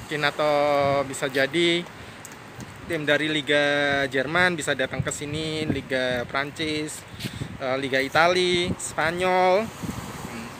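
A man's voice: fairly high pitch, fairly even intonation, takes it slowly. A man in his thirties chatting casually as he walks and films outside a stadium on a handheld phone, musing aloud with many fillers. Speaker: vlogger. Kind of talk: casual walking vlog. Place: outdoors by a stadium. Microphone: phone held at arm's length. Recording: noisy outdoor phone recording. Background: street ambience and passing cars.

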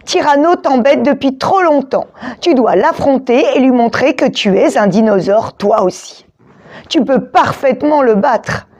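A woman's voice: high-pitched, expressive, a little slow, a little mellow, voice pushed up. A woman voicing a bold, angry young dinosaur friend in a storybook, rallying the others.

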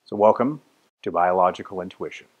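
A man in his sixties introducing his course in a measured, explanatory way, filmed in a large meeting room. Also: low-pitched, lo-fi sound. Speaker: course teacher. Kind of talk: direct-to-camera introduction.

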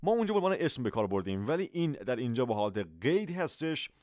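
A man whose first language is Persian, teaching English vocabulary and repeating example phrases slowly for his students. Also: medium pitch, sing-song, a little mellow, dry recording, studio quality. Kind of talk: vocabulary lesson.

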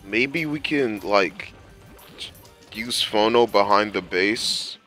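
A man's voice: on the low side, slow, pushed and bright. A young man giving casual, rambling gameplay commentary as a channel host, exasperated and slangy. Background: faint game music.

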